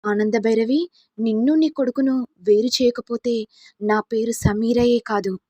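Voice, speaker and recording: Scheming tearful young woman, voiced by a woman, manipulative, pleading, husky. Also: fairly high pitch, a little mellow, no room sound, natural voice.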